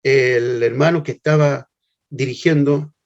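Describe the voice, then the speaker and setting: An older man giving a heartfelt, halting personal testimony. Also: mid-range voice, steady tone, gravelly, a little mellow. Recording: slightly muffled lo-fi recording.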